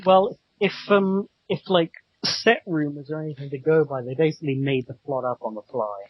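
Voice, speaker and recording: A man co-hosting a casual film chat, talking in a halting way. His voice is muffled, as if heard through a wall, picked up by a cable headset mic. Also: fairly high pitch. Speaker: podcast co-host.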